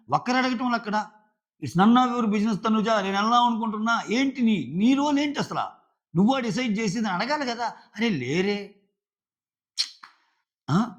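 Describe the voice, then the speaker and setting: A man reviewing a reality show in casual, argumentative commentary. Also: high-pitched. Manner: animated, argumentative, acts out contestants' lines. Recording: dull lo-fi audio.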